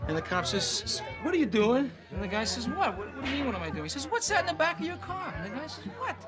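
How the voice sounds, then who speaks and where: A rowdy joker, squeaky high voice, bouncing all over, loud music and crowd behind. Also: male voice, big pitch swings, fast talker, low-quality recording. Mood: joking. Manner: laughing through a rowdy joke, mimicking voices. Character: rowdy joke-telling man in a bar. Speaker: bar patron telling a joke. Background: loud music and crowd chatter.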